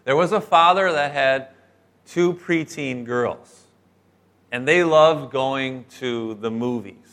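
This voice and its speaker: A middle-aged man preaching a sermon, telling stories in a lively way and acting out the voices of the people in them. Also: medium pitch, slow. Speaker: pastor.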